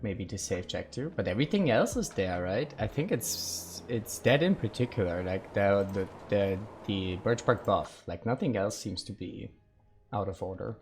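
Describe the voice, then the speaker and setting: A man's voice: on the low side, animated, moderate pace, darkish tone, soft background music. A man live-streaming a survival game, thinking aloud and chatting casually with his viewers.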